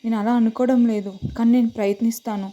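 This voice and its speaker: Woman voicing a young daughter, tearful, pleading, warm voice, storybook. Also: on the high side, steady tone, fast talker, highs cut off, pitched above the performer's own voice, natural voice.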